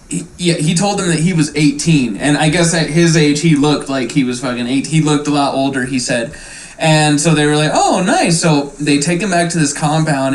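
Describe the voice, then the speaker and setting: A man's voice: fairly high pitch, rough recording. A man hosting a casual podcast, telling a long story loosely and profanely. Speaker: podcast host. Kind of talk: casual stoner chat, storytelling.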